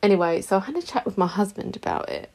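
A woman's voice: mid-range voice, expressive, fast talker, gravelly, a little mellow. Chatty, cheeky British woman podcaster. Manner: chatty, confessional and self-mocking, with frequent giggling; cheeky, sweary, informal. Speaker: podcast host. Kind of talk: casual solo podcast chat.

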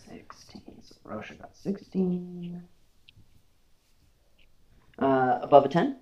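A man's voice: high voice, slow, a little mellow, highs cut off, slight background noise. A man running a tabletop game as game master, playful and teasing, often stopping and restarting his sentences.

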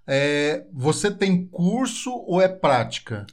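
A man's voice: a little high, big pitch swings, slow. A man with a Goiás Brazilian accent hosting a podcast, chatting casually, joking and rambling. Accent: Goiás Brazilian Portuguese. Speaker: podcast host. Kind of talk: casual interview chat.

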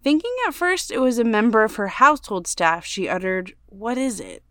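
Woman reading a spooky castle story on a podcast, smooth voice, dry close sound. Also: a little high, big pitch swings, no echo. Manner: measured storytelling read, hushed on dark parts. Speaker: podcast co-host. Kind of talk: reading a ghost story aloud.

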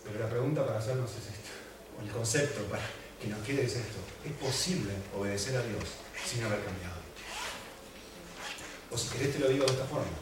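A man with a Rioplatense Spanish accent preaching a sermon as pastor, swinging between loud emphasis and soft asides. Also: mid-range voice, fairly quick. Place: church hall. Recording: echoey hall from far off, faint noise.

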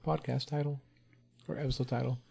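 A man with a mid-pitched voice plays in a tabletop game. He stays laid-back and drops jokes to the group. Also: little pitch movement, fairly quick, creaky, a little mellow, husky. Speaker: player. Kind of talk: casual tabletop play.

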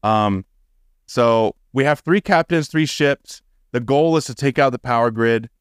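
Male podcast co-host, mid-pitch, dry close mic, profane and ranting when worked up. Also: a little slow, clean tone, no echo. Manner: profane, ranting, gets loud and high when exasperated. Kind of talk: casual podcast chat.

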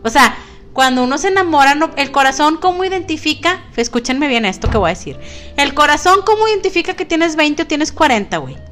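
Bright-voiced Mexican woman in her forties. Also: sits high, a little fast, faint music behind. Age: 40s. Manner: expressive, laughs often, slangy. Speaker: podcast co-host. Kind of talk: casual chat.

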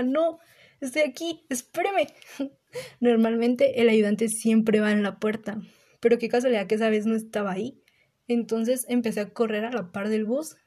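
Young woman, slightly high voice, mellow tone, animated storytelling. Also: husky. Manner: animated, acts out her own reactions in quotes. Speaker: podcast host. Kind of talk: casual anecdote storytelling.

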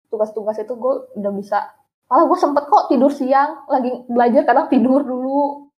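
A woman's voice: high voice, brisk, highs cut off. A young woman, casually telling her story in slangy talk and laughing often as an interview guest.

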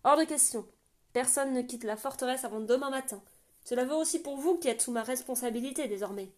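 A woman's voice: high-pitched, brisk, natural voice. A woman playing a stern fortress captain. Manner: loud, authoritative, clipped orders.

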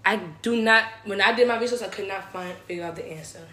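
A woman's voice: mid-range voice, quick pace, sharp tone. Woman, quiz host, casual question reading, mid-range voice, echoey room. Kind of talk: casual trivia hosting, reading questions aloud.

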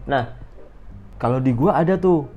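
Woman from Central Java, very low and mellow, casual playful co-host, faint guitar bed. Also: a little slow. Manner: relaxed, playful, explains slang with acted examples. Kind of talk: casual chat. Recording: slightly dull sound with faint guitar music.

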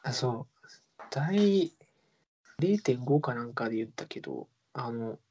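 A man's voice: medium pitch, expressive, takes it slowly, dark tone, slightly rough, highs cut off. A young man with a Kansai accent, chatting casually as a podcast co-host, laughing often and trailing off. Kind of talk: casual chat.

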